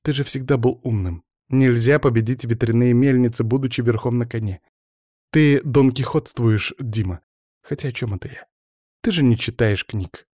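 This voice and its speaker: A man reading an audiobook, voicing a sharp-tongued educated young woman who questions her estranged husband reproachfully. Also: mid-range voice, moderate pace, no echo, studio quality, natural voice. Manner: reproachful, probing.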